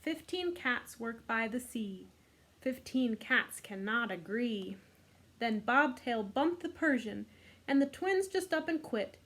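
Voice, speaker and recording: A woman with a slightly high voice hosts a children's storytime, slowly and expressively reading a picture book. She voices the characters' lines and adds casual asides.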